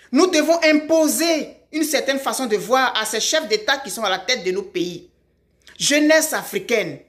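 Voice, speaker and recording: High-voiced impassioned woman. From Ivory Coast. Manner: emphatic, repeats her calls for emphasis. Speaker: vlogger. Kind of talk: impassioned direct-to-camera appeal.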